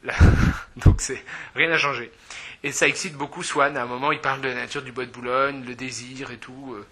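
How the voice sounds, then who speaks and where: Bright-voiced man rambling through a book summary. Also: medium pitch, fairly even intonation, normal speed, slight background noise. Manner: hesitant, full of fillers and self-corrections; amused, chatty. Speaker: book reviewer. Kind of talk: casual spoken book summary.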